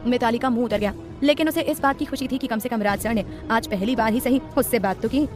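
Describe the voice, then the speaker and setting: A woman narrating a romance audiobook in brisk, even storytelling. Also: fairly high pitch, music in the background. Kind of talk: scripted narration.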